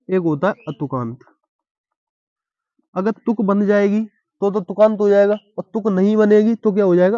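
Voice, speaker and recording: A man's voice: high-pitched, dark tone, no echo, muffled recording. A man teaching a lesson on verse, who explains step by step and keeps asking if the class has understood. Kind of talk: classroom-style Hindi poetry lesson.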